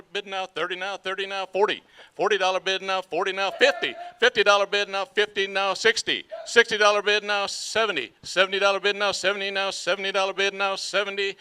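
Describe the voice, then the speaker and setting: A man's voice: sits high, little pitch movement, fairly quick, pushed and bright, clean tone. An older man from North Dakota, a student auctioneer calling bids at a live auction in a rhythmic, repetitive chant. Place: live auction event before an audience.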